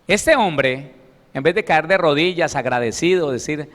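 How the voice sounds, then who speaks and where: A man's voice: fairly high pitch, animated, measured pace, fairly bright tone, big-room sound. A male pastor preaching a Bible study sermon, emphatic and full of rhetorical questions aimed at his listeners.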